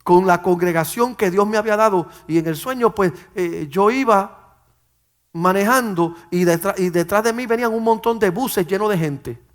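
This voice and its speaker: A middle-aged male pastor with a fairly high voice tells a personal testimony. He speaks with deep feeling and repeats words as he searches for them. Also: normal speed. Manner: emotional, repeats words while telling a story.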